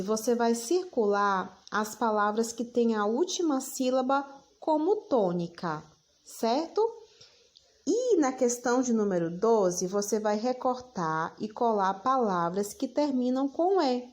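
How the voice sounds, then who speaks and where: A woman teacher, giving a recorded lesson for children and dictating words slowly, repeating each one. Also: on the high side, sing-song, darkish tone.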